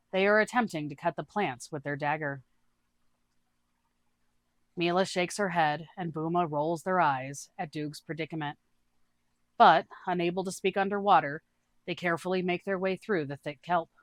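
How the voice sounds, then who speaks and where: A storyteller and tabletop campaign player narrates a scripted fantasy adventure story aloud. The voice is medium in pitch, with no echo.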